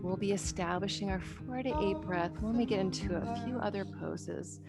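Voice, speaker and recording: A woman's voice: medium pitch, moderate pace, gravelly. A woman yoga instructor guiding a class with short, repeated instructional cues and counts. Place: online class, instructor watching students on a monitor. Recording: background music with plucked guitar.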